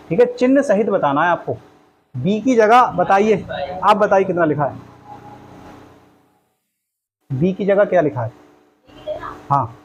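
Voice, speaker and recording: A man teaching a math classroom lesson explains each step aloud and fires questions at his students. His voice is high, and faint classroom noise runs under the rough recording.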